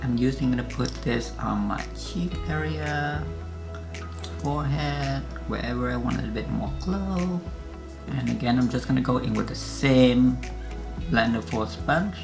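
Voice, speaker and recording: A man chats casually through a makeup routine like a beauty vlogger. His voice is noticeably creaky, with plenty of fry. Music is clearly audible behind him. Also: mid-range voice, measured pace. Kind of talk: casual makeup tutorial chat.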